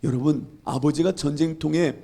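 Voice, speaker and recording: Brief: male pastor, high and gravelly, lively sermon with rhetorical questions. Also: moderate pace. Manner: asks the congregation rhetorical questions; acts out Bible scenes.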